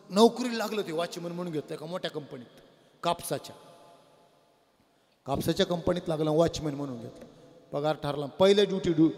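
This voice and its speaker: Male devotional preacher, high-pitched, lively parable teller who questions his audience, long hall reverb. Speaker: religious discourse speaker. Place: before a live audience.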